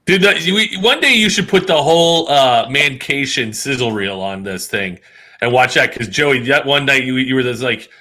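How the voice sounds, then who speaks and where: Man, mid-pitched, bright tone, teasing banter among friends. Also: lively intonation, moderate pace. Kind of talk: casual chat.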